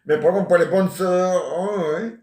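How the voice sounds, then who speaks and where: Man, 40s, rambling joker, slightly high voice, reverberant room. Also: steady tone, unhurried, darkish tone, far from the mic. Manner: joking, playful, teasing banter. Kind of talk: rambling casual chat. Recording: echoey room.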